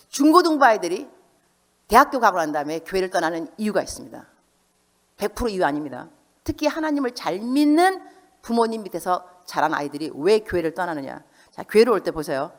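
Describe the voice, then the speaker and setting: A middle-aged woman preaches a sermon in a church, telling lively stories and acting out the people in them. Her voice is middle in pitch, and it leaps up and down with a lot of animation. A long hall reverb from the sanctuary hangs after her words. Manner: lively storytelling, acts out the people she quotes.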